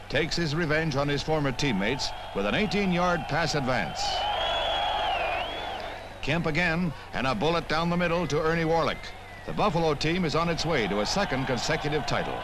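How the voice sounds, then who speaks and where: Through very noisy audio, a somewhat high-pitched American man reads scripted newsreel narration from the 1960s, set to music on an old film soundtrack. His delivery is punchy, wry and full of puns.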